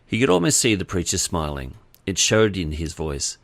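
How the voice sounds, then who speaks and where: A man narrating an audiobook with expressive storytelling. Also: deep voice, moderate pace, creaky, no echo.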